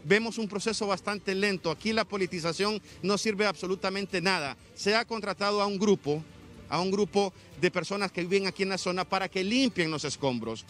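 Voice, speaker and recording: A man in his thirties from Honduras, reporting live outdoors at night into a handheld microphone with a formal, measured delivery. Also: high-pitched, fairly bright tone, soft background music. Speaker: field reporter.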